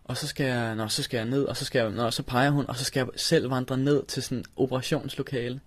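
A young man from Denmark telling a personal story, halting, with many restarts and fillers. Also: mid-range voice, steady tone, slightly rough, no room sound. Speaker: interviewee telling his story. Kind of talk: personal recollection.

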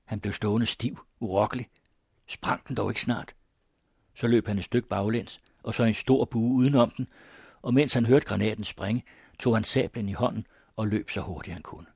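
A man narrating a story in a measured, even reading voice. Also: fairly low pitch, vocal fry, breathy edge, no echo, studio quality. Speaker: audiobook narrator. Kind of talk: scripted narration.

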